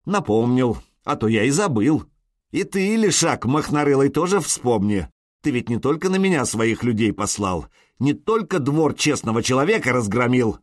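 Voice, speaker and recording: A brash young warrior, fierce and mocking, barking insults with a lively, swinging delivery, as a male reader puts him on. The sound is dry and close, with no room around it. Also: medium pitch, normal speed, dry recording. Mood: furious. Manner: fierce, taunting, shouts insults. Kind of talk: audiobook character voice.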